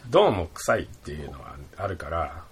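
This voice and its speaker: A man hosting a casual podcast chat, blunt and joking, who laughs often and lowers his voice for touchy gossip. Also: big pitch swings, brisk, slight background noise. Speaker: podcast host.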